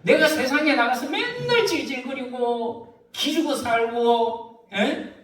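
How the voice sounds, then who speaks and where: A male pastor preaching a sermon, his high voice rising and falling as he tells a story. He keeps asking rhetorical questions of the congregation. The sound is echoey, recorded from a distance in a church hall. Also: lively intonation, takes it slowly, a bit bright.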